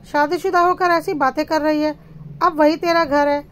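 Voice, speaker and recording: A woman's voice: high voice, steady tone, moderate pace, a bit bright. A woman voicing a stern middle-aged mother who scolds her daughter in a spoken family story. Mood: scolding.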